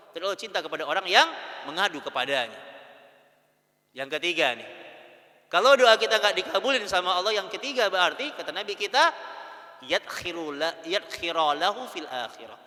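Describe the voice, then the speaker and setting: A man preaching a sermon in a mosque hall, lively, swinging between loud emphasis and soft asides. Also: sits high. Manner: addresses women listeners as "Bu".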